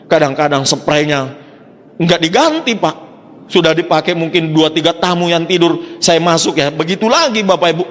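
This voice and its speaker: A man's voice: fairly high pitch, lively intonation, moderate pace, a bit bright. A man giving a motivational talk to an audience, telling his story with acted-out dialogue and frequent direct address. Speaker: motivational speaker. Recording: long hall reverb.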